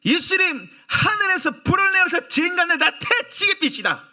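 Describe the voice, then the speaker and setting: A man voicing a furious, hot-tempered male apostle in Gyeongsang dialect, shouting rough, vengeful demands. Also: very high voice, sing-song, normal speed, pitched above the performer's own voice, exaggerated voice.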